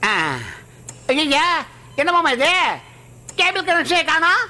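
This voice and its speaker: A woman's voice: very high voice, slow pace, sharp tone, heavily acted. A woman dubbing a chatty young woman in a film, talking in a teasing, fussing way over a film score.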